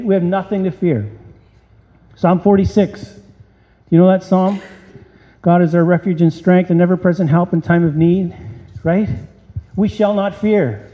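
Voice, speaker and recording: A man preaching a sermon, reading scripture aloud and firing off rhetorical questions with animated emphasis. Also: high voice. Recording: dull lo-fi sound with long hall reverb.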